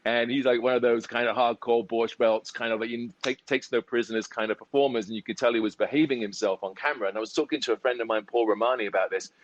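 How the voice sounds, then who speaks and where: A man's voice: medium pitch, steady tone, fast talker, hardly any pauses, no echo, highs cut off. Man hosting a magic podcast, dry close mic. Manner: rambling, repeats words. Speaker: podcast host. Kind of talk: casual interview chat.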